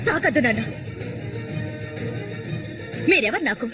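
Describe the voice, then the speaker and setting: Casting: a defiant young widow, high and lively, cold and steady, film score behind. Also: female voice, unhurried. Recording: film soundtrack with music.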